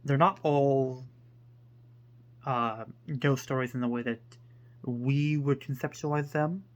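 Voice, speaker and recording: A man hosting his own book channel, talking casually to the camera in a hesitant, rambling way with many pauses and fillers. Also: mid-range voice, steady tone, dull audio. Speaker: book reviewer.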